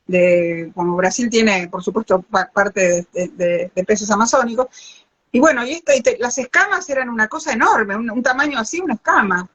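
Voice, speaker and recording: A fairly high, husky voice at a moderate pace comes through a muffled video call recording: an older woman from Argentina with a Rioplatense accent. A biologist hosting a casual live interview, she tells animated stories, often restarting.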